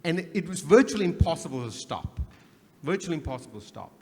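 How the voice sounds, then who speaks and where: A man's voice: fairly high pitch, very animated, quick pace, a little mellow. Emphatic man speaking on a panel. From Sri Lanka. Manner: emphatic, argues with rhetorical questions. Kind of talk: panel discussion. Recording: reverberant conference hall, faint hum.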